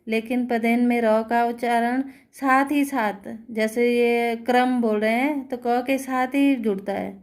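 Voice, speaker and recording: A woman teaching Hindi grammar, explaining patiently and checking understanding with rhetorical questions. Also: on the high side. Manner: patient, repeating words slowly and asking rhetorical checks. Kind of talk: classroom-style explanation.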